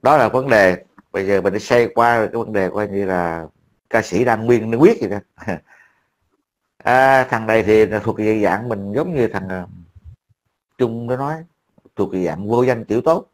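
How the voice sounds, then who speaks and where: A man's voice: on the low side, normal speed, pauses often. A man, talking casually to a friend as an online commentator, blunt, profane and mocking.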